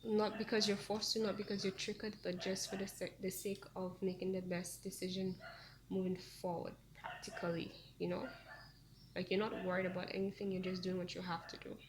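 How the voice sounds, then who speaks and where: A woman's voice: mid-range voice, flat delivery, fairly quick, noisy background. A woman giving a casual tarot reading to her viewers, talking in a chatty, meandering way with frequent ums. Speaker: tarot reader.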